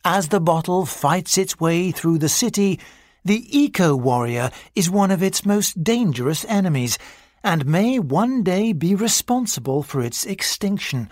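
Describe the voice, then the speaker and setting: In this clip, a narrator reads a mock-serious nature documentary script for a listening exercise, with a measured, scripted delivery. The voice is medium-pitched, expressive, and somewhat dark in tone. The recording is clean studio sound with no echo.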